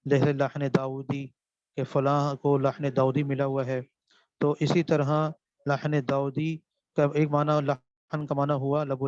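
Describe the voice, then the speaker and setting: A man from Pakistan teaches a seminary class on Quran recitation, asking his students questions, answering them himself, and repeating key terms. His voice is on the high side and a little mellow, with no room sound, in a dull, dry lo-fi recording.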